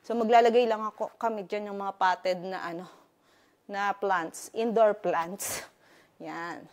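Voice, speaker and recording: A woman from the Philippines, excited and chatty, walking through her new house on a casual vlog tour and mixing in English words. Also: medium pitch, a little slow. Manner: excited, chatty, filler-heavy, switching between Tagalog and English. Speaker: vlogger giving a house tour.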